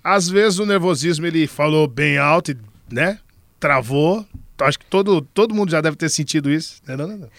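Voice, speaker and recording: A chatty man, fairly high-pitched, talking loosely about his band. He jokes, repeats himself and fills gaps with small words. The sound is dry and close. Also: a little fast, a bit bright, no echo. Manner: chatty, jokey, with many fillers and repeats. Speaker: band member. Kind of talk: casual interview talk.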